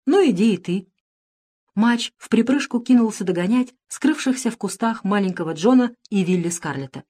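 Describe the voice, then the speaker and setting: A woman narrating an adventure storybook in a steady, measured way. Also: mid-range voice.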